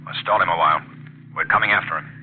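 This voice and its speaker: A man's voice: sits low, very fast. An actor playing a firm police officer in a vintage radio drama, his voice heard through an old candlestick telephone line and giving terse instructions. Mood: urgent. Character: calm, commanding male police officer on the phone. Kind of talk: 1940s radio drama acting. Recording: tinny phone line in a vintage radio broadcast.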